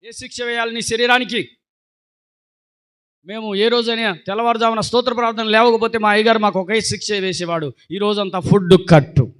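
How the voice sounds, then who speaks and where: High, ringing man preaching a sermon. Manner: exhorting, calls out to the congregation for hallelujahs; swings from loud preaching to quiet asides. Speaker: pastor. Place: church sanctuary.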